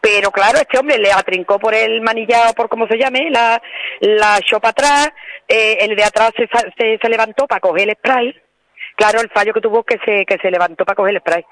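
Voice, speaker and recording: An Andalusian woman on a radio phone line, her voice high and her telling excited and full of repeats. She speaks as an eyewitness being interviewed on air. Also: moderate pace. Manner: excited, repetitive, breathless storytelling.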